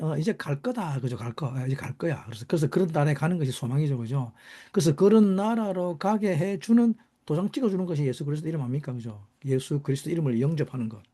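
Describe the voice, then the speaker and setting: Male Bible teacher, sermon delivery, rhetorical and questioning, dark mellow tone. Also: husky. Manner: rhetorical, constantly asking the audience "right?"; animated, sudden pitch jumps for emphasis.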